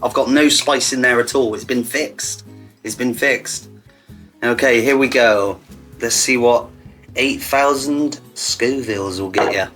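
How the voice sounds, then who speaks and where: Male online creator, average pitch, informal sweary delivery, self-deprecating, light music underneath. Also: measured pace, a bit bright. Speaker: online content creator hosting a hot wing challenge. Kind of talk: casual sweary chat to camera.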